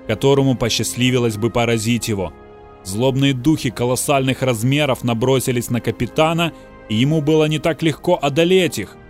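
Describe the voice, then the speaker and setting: A man reading a novel aloud in a dramatic audiobook style, voicing the characters' outbursts. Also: mid-range voice. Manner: dramatic, voices the characters' shouts. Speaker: narrator. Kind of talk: audiobook narration.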